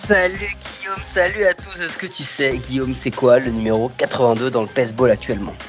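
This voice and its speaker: A man's voice: medium pitch, fairly quick, over music. A man co-hosting a casual podcast, teasing his friend with playful questions. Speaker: podcast co-host.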